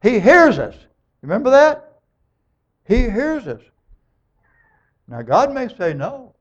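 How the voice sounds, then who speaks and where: A man preaching a sermon, emphatic and animated, acting out the people of scripture as he tells them. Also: very high-pitched, slow pace. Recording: dull lo-fi recording.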